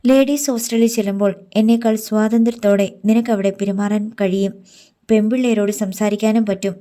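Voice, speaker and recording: A woman voicing a scheming, determined young village man who talks in a low, firm, matter-of-fact way. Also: steady tone, a little fast, warm tone, lightly acted.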